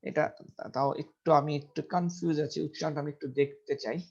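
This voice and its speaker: A man's voice: fairly high pitch, steady tone, a little fast, creaky. A man teaching English vocabulary in a casual lesson, repeating each word several times and checking pronunciation aloud. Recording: dull lo-fi recording.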